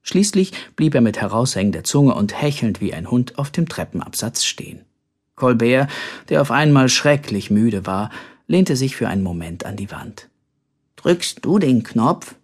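Animated audiobook narrator. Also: medium pitch, moderate pace, husky. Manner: expressive, animated storytelling. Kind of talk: audiobook reading.

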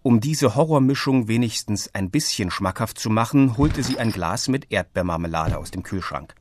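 A man's voice: fairly low pitch, normal speed, slight background noise. Man reading a children's audiobook. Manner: lively, voices characters in dialogue. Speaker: narrator.

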